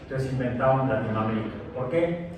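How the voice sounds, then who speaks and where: Expressive and brisk, a man with a mid-range voice lectures on science to a classroom, wandering off topic with plenty of fillers and restarts. He's a science teacher, captured on a distant mic in an echoey, noisy room.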